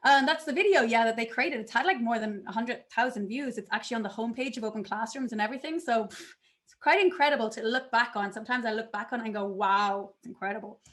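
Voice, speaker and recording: Animated woman telling her career story. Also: on the high side, fast talker. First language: not English. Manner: animated storytelling, acts out her own past reactions. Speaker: conference speaker. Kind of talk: conference talk.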